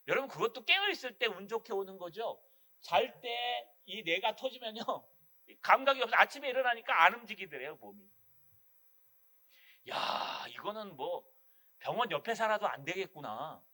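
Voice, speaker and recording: Male pastor, Gyeongsang accent, high bright voice, animated sermon delivery. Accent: Gyeongsang dialect. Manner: animated preaching, acts out quoted voices. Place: church sanctuary.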